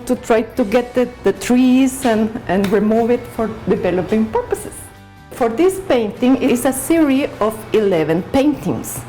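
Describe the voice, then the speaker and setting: A Salvadoran woman, speaking with a Salvadoran Spanish accent in a slightly high, mellow voice, explains her paintings in her studio. She's hesitant, restarting often and using frequent fillers, and the audio is poor.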